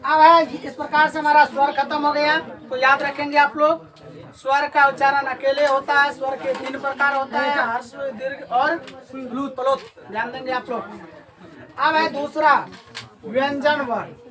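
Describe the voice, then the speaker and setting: A woman's voice: high-pitched, flat delivery, normal speed, a crowd in the background. A woman teaching Hindi grammar in a classroom lecture, quizzing her students and repeating each answer back to them. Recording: distant mic, class of students audible.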